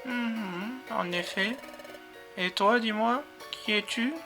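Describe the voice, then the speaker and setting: Video game voice: male let's-player as a drowsy wish-granting Pokémon, high and soft, slow delivery. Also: gravelly, music in the background, full character voice. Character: sleepy young legendary wish-granting Pokémon.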